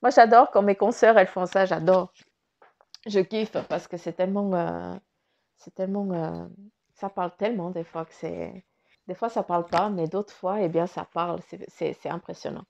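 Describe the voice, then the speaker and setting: A woman's voice: on the low side, steady tone, moderate pace, vocal fry, darkish tone. A woman giving a casual spiritual card reading, chatty and swearing freely, often dropping to a murmur. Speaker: card reader. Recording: dull lo-fi sound.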